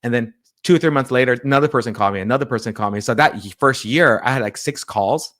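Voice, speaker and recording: A man's voice: mid-range voice, fast. Man telling a story animatedly. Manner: animated retelling with quoted dialogue and frequent restarts. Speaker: pastor and publisher, interview guest. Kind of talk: storytelling in a casual interview.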